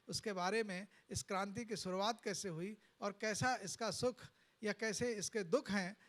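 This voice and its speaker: A man's voice: high voice, a bit bright. A man moderating a panel, courteously introducing the guest. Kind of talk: formal introduction.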